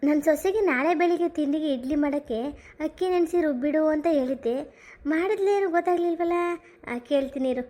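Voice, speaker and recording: A woman's voice: high voice, fairly quick, mellow, close to an everyday voice. A woman voicing a bossy, complaining elderly mother-in-law in a cartoon comedy, with whiny sighs. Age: older.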